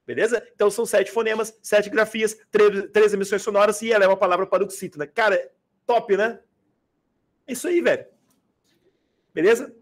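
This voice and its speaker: A man with a slightly high voice teaches a grammar class in a classroom. He talks casually and with slang, and keeps asking his students whether they follow. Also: fairly even intonation, fairly quick, long pauses. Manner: casual, slangy, asks students to confirm often. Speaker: Portuguese teacher. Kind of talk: live exam-prep grammar class. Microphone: adjustable microphone.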